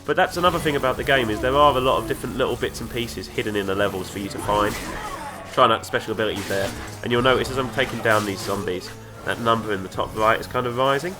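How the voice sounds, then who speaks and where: Man, flu-congested nasal voice, rambling enthusiastic game commentary, medium pitch, game music underneath. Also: fast. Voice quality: nasal from a cold. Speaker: gaming video host. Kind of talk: let's play commentary. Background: game music and sounds.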